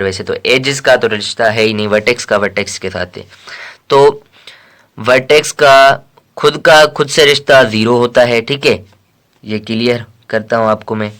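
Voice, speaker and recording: Bright-voiced man teaching math. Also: mid-range voice. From Pakistan. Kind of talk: casual lecture explaining textbook exercises.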